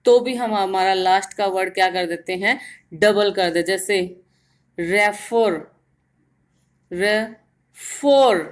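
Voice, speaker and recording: A woman teaching grammar in Hindi, explaining step by step and repeating words slowly to show their stress. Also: medium pitch. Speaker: English teacher. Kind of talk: grammar lesson in Hindi with English terms.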